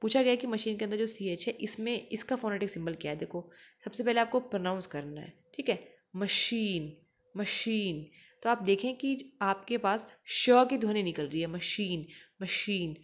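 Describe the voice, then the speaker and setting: A woman teacher, explaining English phonetic symbols and patiently repeating example words slowly. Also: mid-range voice, animated.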